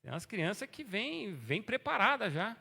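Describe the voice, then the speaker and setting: A man preaching a sermon as pastor, animated and folksy, swinging between soft asides and loud exhortation. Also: high-pitched, moderate pace, gravelly, breathy edge. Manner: folksy storytelling, voicing everyday people. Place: church sanctuary. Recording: long church reverb.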